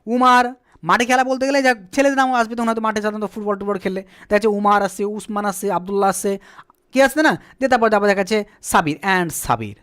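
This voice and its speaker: A man's voice: sits high, fast talker, a bit bright, clear, resonant tone. A man teaching beginner spoken English at a board. His first language is Bengali. He keeps asking the class questions, answers them himself and spells words out letter by letter.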